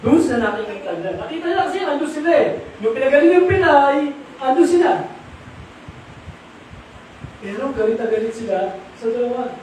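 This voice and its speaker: A middle-aged or older man preaching a sermon, mixing English into his talk and asking the audience questions. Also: very high voice. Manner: mixes English into Tagalog, asks the audience rhetorical questions. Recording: echoey room from far off, faint noise.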